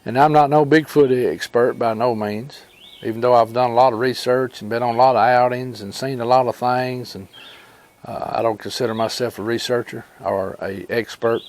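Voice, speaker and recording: A man with a rural Alabama drawl spins a personal tale as if by the fireside. His delivery is folksy and unscripted, wandering along with pauses and bits of retold conversation. His pitch sits in an ordinary male range. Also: fairly even intonation, a little mellow. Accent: Southern US, rural Alabama. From Alabama, United States. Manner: folksy, rambling, with pauses and reported dialogue. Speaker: storyteller and homesteading channel host. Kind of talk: fireside storytelling of personal experiences, informal and unscripted.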